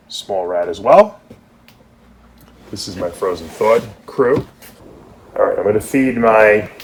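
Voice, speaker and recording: A man who breeds snakes, talking casually through a feeding vlog and sometimes dropping to a hushed voice. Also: fairly low pitch, a little hiss or hum. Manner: chatty, drops to a hush. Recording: background music.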